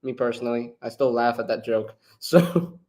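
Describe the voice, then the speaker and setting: A man's voice: medium pitch, moderate pace, a little mellow. A man hosting a live discussion, talking casually in a laid-back way and breaking into laughter easily. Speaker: channel host.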